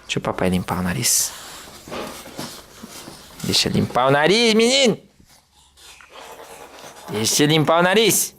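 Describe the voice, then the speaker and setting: A man's voice: fairly high pitch, huge pitch swings, unhurried, pauses often, a bit bright. A father filming his baby at home and coaxing him in sing-song, playful baby talk. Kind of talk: home video, talking to an infant. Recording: home camera with clear background noise.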